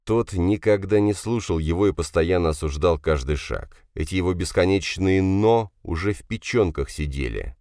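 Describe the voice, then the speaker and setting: A man reading an audiobook aloud as a steady, measured narrator. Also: low voice, no room sound, studio quality. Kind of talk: scripted narration.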